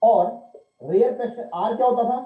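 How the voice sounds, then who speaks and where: At normal speed and with an extremely high-pitched voice, a man teaches a physics class, posing questions only to answer them himself and calling the students "beta." It sounds tinny, as if over a phone, in an echoey room.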